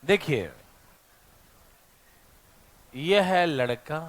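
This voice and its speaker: Slow-talking teasing male math teacher. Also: on the high side, lively intonation. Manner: teasing, checks in with students constantly. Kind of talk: classroom lecture. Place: classroom.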